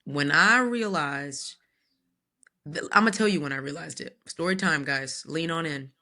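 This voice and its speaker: A woman in her thirties tells a personal story as a guest on a podcast. Her voice is bright and forceful, and she speaks in an animated, casual way. She often drops into quoted voices as she talks. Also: sits low, unhurried.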